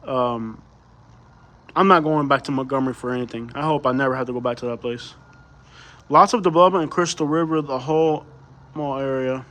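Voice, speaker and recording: Speaking in a mid-range, fairly bright voice, he goes a little fast but leaves long pauses. The Cuban livestream host, whose native language is Spanish, keeps things casual, fielding live comments and asking lots of rhetorical questions.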